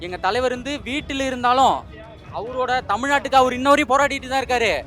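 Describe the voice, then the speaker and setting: A party supporter speaking outdoors on a street, defiant and combative. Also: male voice, extremely high pitch, fast talker, pushed and bright, soft background music.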